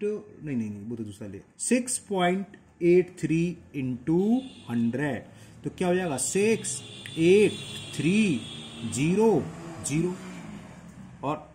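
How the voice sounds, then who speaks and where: A man teaches maths step by step, counting places aloud and checking that his students follow. His voice sits a little high and swings widely in pitch as he explains. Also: warm tone. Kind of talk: solving textbook exercises aloud.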